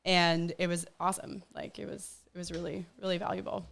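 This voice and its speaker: A woman's voice: on the low side, little pitch movement, a little fast, creaky, background noise. A woman talking as a guest on a casual podcast, her sentences looping through filler words. She laughs often and wanders from point to point in an easygoing chat.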